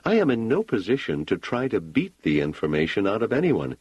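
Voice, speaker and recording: A man reading an audiobook, voicing a calm, probing woman who talks in a measured, persistent way. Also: on the low side, breathy edge, no room sound, muffled recording, exaggerated voice. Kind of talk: audiobook character voice.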